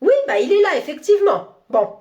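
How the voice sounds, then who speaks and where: Woman playing a shrill, nosy office coworker, accusing and fussy. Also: sing-song, fairly quick, a little mellow, dull audio. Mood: nagging. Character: nitpicking bossy female office coworker. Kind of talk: comedy sketch acting.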